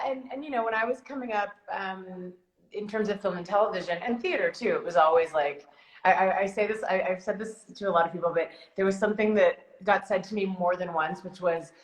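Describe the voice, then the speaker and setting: Canadian actress over an echoey video call. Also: female voice, mid-range voice. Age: 30s. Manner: chatty, many restarts and fillers. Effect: heard over a video call. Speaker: actress guest. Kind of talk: casual interview chat.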